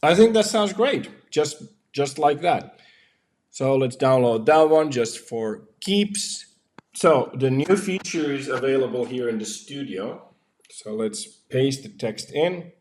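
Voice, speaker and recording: A man, a voiceover artist, chatting casually about voice software from his home office, with frequent fillers. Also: mid-range voice, lively intonation, takes it slowly. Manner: chatty, filler-heavy explaining. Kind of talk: casual tech review.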